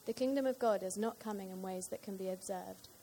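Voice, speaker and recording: A woman reads a Bible passage aloud in a dark, mellow voice. She keeps a steady, even pace. A faint hiss of noise sits behind her. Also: mid-range voice, fairly quick. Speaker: scripture reader. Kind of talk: reading scripture aloud.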